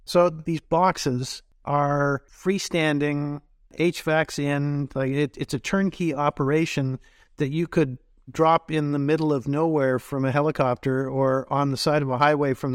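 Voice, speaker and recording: A man's voice: a little high, steady tone, measured pace, clear, resonant tone, no room sound, clean studio sound. A man hosting a podcast interview, friendly, summing up the guest's points and asking questions. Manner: friendly, sums up and asks questions. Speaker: podcast host.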